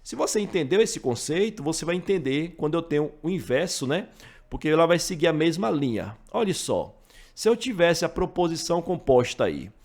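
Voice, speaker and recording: A man's voice: fairly high pitch, darkish tone. A man with a Brazilian accent teaching math, explaining each step through worked examples and often checking in with the listener. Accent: Brazilian Portuguese. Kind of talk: explaining logic for exam prep.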